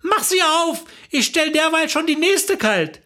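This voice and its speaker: A woman voicing an eager friend who shouts for more champagne. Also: high voice, lively intonation, measured pace, voice pushed up, full character voice. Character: loud thirsty woman friend at a party.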